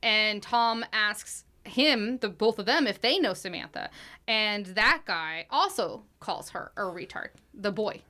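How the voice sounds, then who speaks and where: A woman's voice: mid-range voice, lively intonation, unhurried, bright, forceful tone. A woman co-hosting a podcast, casually recapping a movie scene by scene and acting out the characters' lines. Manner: recounts scenes, acts out quotes. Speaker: podcast co-host.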